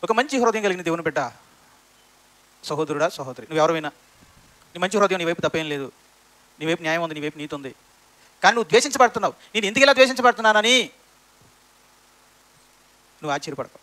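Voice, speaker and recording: A male preacher delivers a sermon in church, putting question after question to the congregation. His voice sits high and bright, and he talks fast. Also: expressive.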